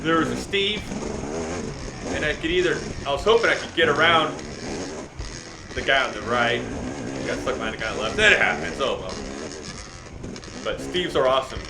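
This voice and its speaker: Gravelly man, casual race vlogger, noisy echo. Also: medium pitch, expressive, moderate pace, pauses often. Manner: rambling, self-deprecating, chatty. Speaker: motovlogger and amateur dirt bike racer. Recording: roomy echo, loud engine and ambient noise.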